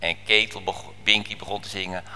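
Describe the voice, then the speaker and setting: A preacher telling a children's story in a church service, animated, swinging from whispers to shouts. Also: male voice, on the low side, moderate pace. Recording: echoey church hall.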